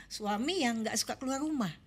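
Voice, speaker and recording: Chatty middle-aged woman, fairly high voice. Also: fairly quick, slightly rough. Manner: chatty, laughs easily, storytelling. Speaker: marriage mentor, podcast guest. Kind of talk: casual podcast conversation.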